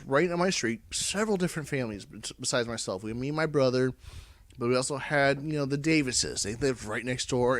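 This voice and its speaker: A man from Indiana, with a medium-pitched, fairly bright voice, tells friends a casual, rambling story while drunk. He swears and repeats himself as he goes.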